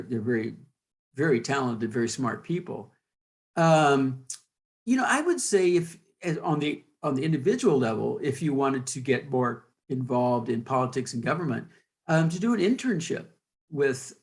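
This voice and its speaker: A middle-aged man with a gravelly, creaky voice at a mid pitch. He offers measured, encouraging advice in halting phrases, pausing often to find his words. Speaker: guest speaker, former county supervisor. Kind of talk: advice in a panel talk.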